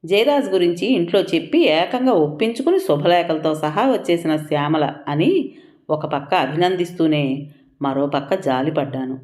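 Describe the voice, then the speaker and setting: A woman reading an audio story aloud, her voice sitting a little low but moving widely in pitch. The narration is expressive and full of turns. It sounds recorded in a roomy space with a clear echo. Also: normal speed.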